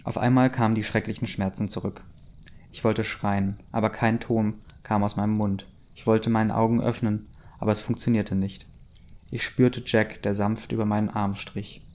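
Low mellow-voiced man reading a story. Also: level tone, normal speed. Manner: dry, mocking asides. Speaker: reader of fan fiction. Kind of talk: reading a story aloud with commentary.

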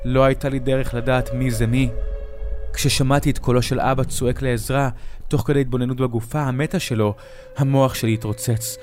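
Man, horror story narrator, dramatic delivery, steady music bed. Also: mid-range voice. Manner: dramatic, slows down at frightening moments.

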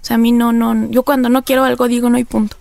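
A woman's voice: on the high side, flat delivery, quick pace, gravelly, darkish tone, no echo. A woman with an Ecuadorian accent, candidly telling her personal recovery story in an interview, rambling with many fillers. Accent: Ecuadorian Spanish. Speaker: interview guest.

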